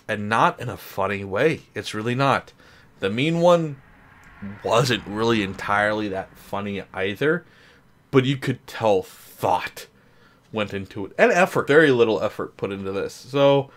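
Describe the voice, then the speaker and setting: A man's voice: lowish voice, fairly bright tone, slight background noise. A man in his thirties reacting to and reviewing a film casually, tipsy, sarcastic and prone to swearing. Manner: tipsy, as if drinking while talking. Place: small home room, desk setup.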